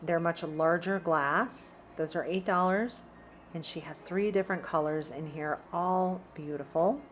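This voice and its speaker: Lowish-voiced woman filming a shop-with-me, chatty, faint music behind. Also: unhurried. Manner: chatty, reads out prices while browsing. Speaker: shopping vlogger. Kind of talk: casual shop-with-me narration. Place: inside a large store.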